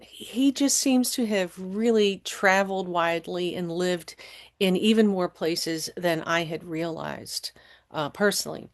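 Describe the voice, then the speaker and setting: A woman interviewing a guest on a podcast, asking long questions with many hesitations and ums. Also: fairly low pitch.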